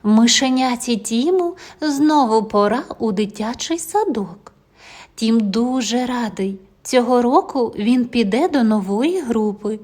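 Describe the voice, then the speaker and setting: A woman narrating a children's audio fairy tale in a gentle, expressive storytelling manner. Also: on the high side, unhurried.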